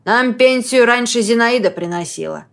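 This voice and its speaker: A woman voicing a hoarse, jovial, hard-drinking middle-aged man in an audiobook, drawling slowly. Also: a little high, natural voice. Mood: gruff. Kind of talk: audiobook reading.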